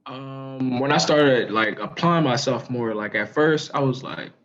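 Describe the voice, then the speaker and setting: A teenage high school football player from Maryland, USA, gives brief, hesitant interview answers full of "um"s and a polite "yes, sir." His male voice is measured and fairly bright, and the sound is lo-fi.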